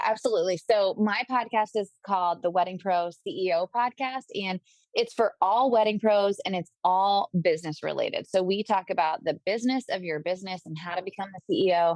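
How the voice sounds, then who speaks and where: A woman's voice: lowish voice, brisk, darkish tone, no room sound. A woman guest on a podcast, talking enthusiastically and casually as she gives business advice to wedding pros. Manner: enthusiastic, upbeat, advice-giving. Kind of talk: casual interview talk.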